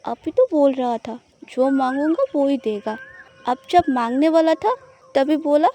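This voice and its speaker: A woman's voice: sits high, measured pace, mellow, slight background noise. A woman voicing a reluctant, irritable young wife who sulks and pleads. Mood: sulky. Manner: pleading, sulky.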